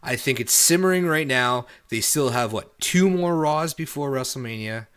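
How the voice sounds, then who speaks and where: A man's voice: medium pitch, expressive, moderate pace, a bit bright, clear, resonant tone. A man co-hosting a wrestling podcast, chatting casually and opinionatedly, repeating points for emphasis. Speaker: podcast co-host.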